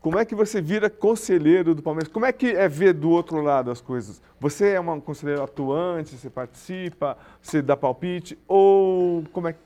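A man's voice: a little high, a little fast, few pauses, warm tone. A man hosting a podcast, asking his guest questions and reacting briefly. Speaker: podcast host. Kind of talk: interviewing.

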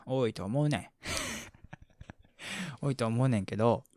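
On a late-night radio show meant for sleep, a Kansai-accented man reads listener comments in a gentle, mumbling, faintly slurred way, with quiet chuckles and near-whispers. He speaks at medium pitch and normal speed, and the studio-quality sound has no echo.

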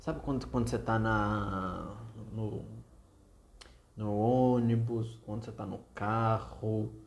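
A man's voice: lowish voice, fairly even intonation, slow, echoey room. A man with a Brazilian Portuguese accent teaching an online literature lesson, chatty and digressive, often correcting himself mid-sentence. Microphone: video call.

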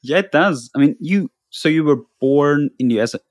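A man's voice: fairly high pitch, animated, dry recording. Curious male podcast host, dry sound. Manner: curious, halting questions. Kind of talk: casual interview.

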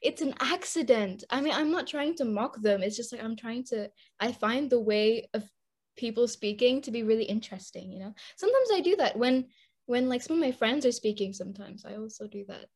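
A woman's voice: fairly high pitch, animated, a little fast, darkish tone, slightly rough. A teenage girl from Indonesia in casual chat, talking in a rambling, giggly way. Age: teens.

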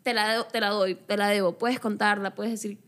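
A woman's voice: mid-range voice, little pitch movement, normal speed, fairly bright tone. A woman in her twenties co-hosting a comedic podcast, telling a story that makes fun of herself in a chatty way. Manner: chatty, self-mocking storyteller. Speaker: podcast co-host. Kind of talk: casual comedic chat.

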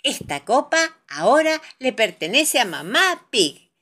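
A woman puts on a lady gazelle from a children's storybook, timid and gentle-voiced. Her pitch rises and falls lightly as she speaks. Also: big pitch swings, unhurried, exaggerated voice. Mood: admiring. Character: shy former champion lady gazelle.

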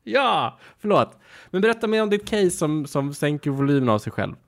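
A man's voice: fairly high pitch, very animated. A man co-hosting a podcast, chatting casually, teasing and giggly, candid about awkward topics. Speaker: podcast co-host. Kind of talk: casual chat.

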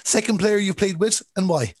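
A man's voice: high voice, moderate pace, no echo, clean studio sound. A man from Galway with a west of Ireland accent, hosting a conversational sports interview.

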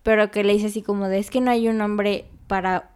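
A woman's voice: medium pitch, flat delivery, fairly quick, darkish tone, smooth. A young woman chatting casually as a podcast co-host, playful with joking asides. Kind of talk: casual chat.

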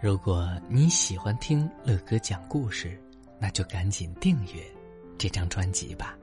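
A man narrating a bedtime story for children, animated and tender toward his young listeners, with faint music behind. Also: low voice, measured pace.

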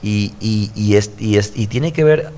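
A man's voice: on the low side, unhurried, mellow. A man in his thirties with a Mexican accent, a pastor who preaches conversationally on a podcast and repeats his points earnestly. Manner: earnest, preachy, stacked repetitions.

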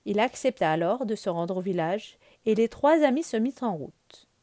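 A woman storyteller reading a children's story aloud in a lively, expressive way. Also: mid-range voice, normal speed, dry recording.

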